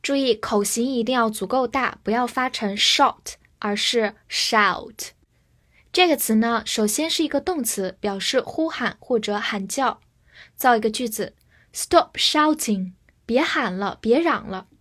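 A woman teaching English vocabulary in a structured lesson, spelling words letter by letter and reading example sentences slowly for learners to repeat. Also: fairly high pitch. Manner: clear, deliberate, spells words letter by letter and reads slowly for repetition.

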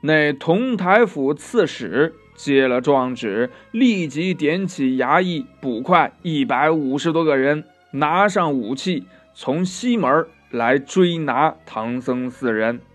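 A man narrating a children's classic tale, gentle and chatty, with asides to his young listeners. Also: on the high side, animated, takes it slowly, few pauses, soft background music. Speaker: storyteller.

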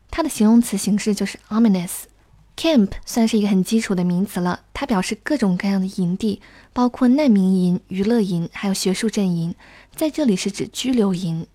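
Young woman tutor, mellow and dry-sounding, steady explanatory delivery with careful read-alouds. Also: medium pitch, no room sound. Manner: careful, reads English passages aloud slowly. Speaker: English reading tutor. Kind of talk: explanatory close-reading lesson.

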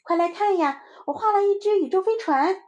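A woman voicing a cheeky little boy in a storybook, with a high chirpy child voice and a boastful manner. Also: a little fast, darkish tone, lo-fi sound. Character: cheeky little boy proud of his drawing.

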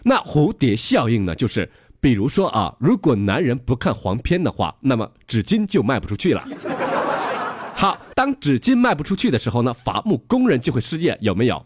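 A man's voice: medium pitch, wildly swooping pitch, a little fast, noisy background. A man with a Northeastern Mandarin accent hosting a comedy podcast, telling jokes in a rowdy, mock-lecturing way and laughing at his own punchlines. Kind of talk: comic storytelling in dialect.

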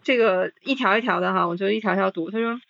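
Woman, casual book chat, slow read-aloud then musing asides, dull lo-fi sound, dry close mic. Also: mid-range voice, fairly bright tone, no room sound. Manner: reads list items slowly, then comments with sighing interjections.

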